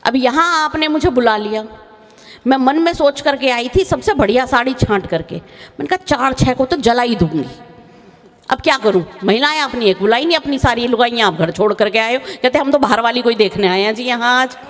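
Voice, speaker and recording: A woman comic poet with a fairly high voice and lively intonation performs a stage comedy poetry recital in a hall, with reverberant sound. Chatting into a microphone, she teases the audience and sings a slow verse.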